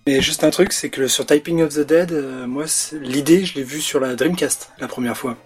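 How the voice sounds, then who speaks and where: Higher-voiced male podcast guest. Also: normal speed, husky, faint music behind. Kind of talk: casual chat.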